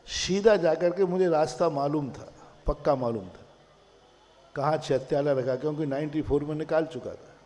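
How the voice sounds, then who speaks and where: A man's voice: fairly high pitch, normal speed, a little mellow. A man, a Jain monk, giving a sermon, telling a personal story with rhetorical questions and playing out a dialogue with his own mind. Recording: long hall reverb.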